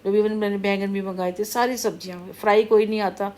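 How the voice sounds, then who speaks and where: A woman's voice: medium pitch, steady tone, fast, a little mellow, a little hiss or hum. A middle-aged woman talking casually to her viewers, rambling and repeating her warnings in a scolding way. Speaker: vlogger. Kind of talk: casual monologue to camera.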